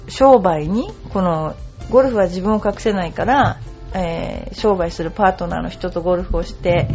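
A woman's voice: medium pitch, darkish tone. A woman host chatting casually and rambling, with many fillers. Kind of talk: casual radio talk. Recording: slightly dull lo-fi sound with faint music.

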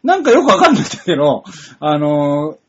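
Comedian man telling a story, very lively pitch, dull lo-fi audio. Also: fast talker, a little hiss or hum. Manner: storytelling, teasing. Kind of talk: casual comedy radio chat. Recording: dull lo-fi sound.

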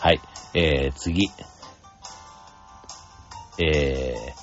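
A man hosting a casual solo talk show, relaxed and rambling with many fillers. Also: rumbling low, very slow. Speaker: podcast host. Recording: dull lo-fi sound with faint music.

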